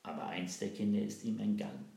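A man voicing a grieving village mother who tells a secret in hushed, urgent tones. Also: on the low side, a little fast, gravelly, pitched above the performer's own voice. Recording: roomy echo.

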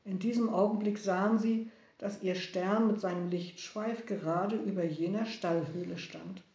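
Woman, storyteller, children's story read aloud, expressive, roomy, dull recording. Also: mid-range voice, normal speed. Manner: lively, expressive reading.

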